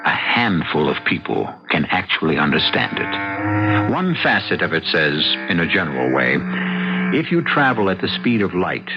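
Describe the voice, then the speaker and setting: A man hosting old radio drama with deliberate, theatrical scripted narration and dramatic pauses. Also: low-pitched, big pitch swings. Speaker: host and narrator. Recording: dull old radio recording over music.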